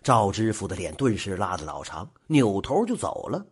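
Husky, animated male storyteller. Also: on the low side. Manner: animated, drawn-out particles. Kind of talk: folk tale narration.

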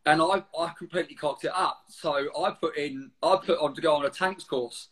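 Essex bloke in his 40s, voice a bit on the high side, casual slangy sweary interview chat. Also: brisk, fairly bright tone, poor audio. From Essex, England. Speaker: guest, former military serviceman.

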